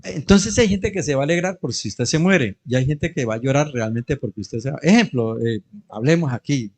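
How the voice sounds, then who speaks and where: A man's voice: mid-range voice, lively intonation, fairly quick, a little mellow. A middle-aged man with a Colombian Spanish accent, preaching a sermon in church, telling anecdotes and joking with the congregation. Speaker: pastor.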